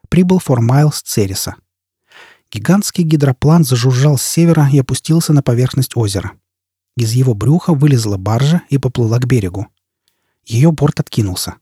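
A man narrating an audiobook with lively, theatrical delivery. His voice is dark and a little husky. The recording is dry and close, with no room sound. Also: medium pitch, no echo.

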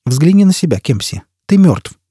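A man's voice: medium pitch, expressive, normal speed, mellow, husky, no room sound, clean studio sound. A man playing a cold, vengeful interrogator. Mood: cold menace. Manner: harsh, clipped commands.

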